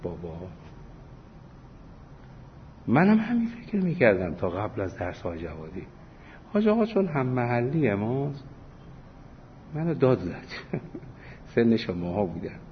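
A man's voice: mid-range voice, sing-song, pauses often. A man giving a religious lesson, telling anecdotes full of quoted dialogue and small chuckles. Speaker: religious teacher. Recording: dull lo-fi recording with faint hiss.

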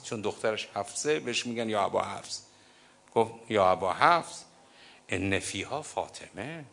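Male cleric, impassioned sermon, bright forceful tone, loud then hushed. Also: medium pitch, creaky. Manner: emotional, swinging from loud to hushed, reads Arabic aloud. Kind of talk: sermon reading from a history book.

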